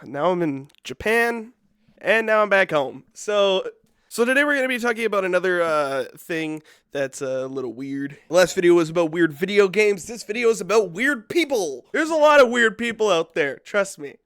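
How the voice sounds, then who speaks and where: A man's voice: high-pitched, animated, moderate pace, fairly bright tone, clean tone, no echo, studio quality. A young man hosting a casual commentary video, ranting sarcastically and with plenty of swearing. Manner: profane, sarcastic, rambling. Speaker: YouTube commentary host.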